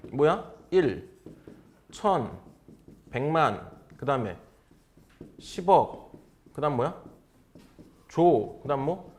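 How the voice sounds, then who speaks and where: Male test-prep tutor, blunt and informal, animated pitch, keeps asking students if they follow. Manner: drilling with constant check questions. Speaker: exam prep lecturer. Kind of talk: casual math lecture.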